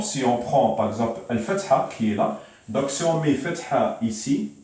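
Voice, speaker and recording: A man's voice: medium pitch, darkish tone. Patient man teaching, echoey far-off room. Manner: patient, repetitive explaining with many fillers. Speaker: Arabic teacher. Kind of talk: beginner language lesson at a whiteboard.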